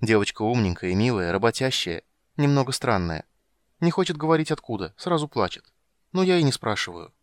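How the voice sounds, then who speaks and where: A man's voice: medium pitch, very animated, a little fast, no room sound, clean studio sound, natural voice. A man voicing a merchant's wife, anxious and tender, who talks in an urgent, fussing way.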